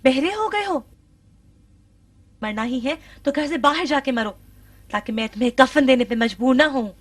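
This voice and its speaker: Scornful high-voiced wife, scolding hard, dry and far from the mic. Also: female voice, lively intonation, no room sound. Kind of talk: dubbed historical drama.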